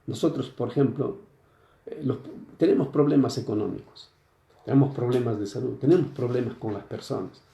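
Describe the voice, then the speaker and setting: Gravelly dark-voiced preacher. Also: male voice, medium pitch, normal speed, muffled recording. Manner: explains scripture with frequent rhetorical questions. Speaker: pastor. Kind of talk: sermon. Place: church sanctuary. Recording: echoey church room.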